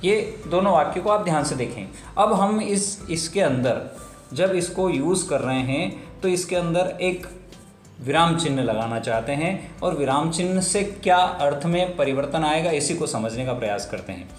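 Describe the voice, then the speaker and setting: A man teaching a grammar lesson, explaining slowly and repeating phrases for emphasis. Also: fairly high pitch, expressive. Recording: roomy echo with faint music.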